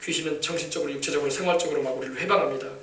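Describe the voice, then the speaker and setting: Fast, high-voiced preacher in an echoey church. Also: male voice, steady tone. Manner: emphatic, calls for congregation replies; shouts commands at demons. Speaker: pastor. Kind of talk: sermon on casting out demons. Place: church sanctuary. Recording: echoey church, mic from a distance.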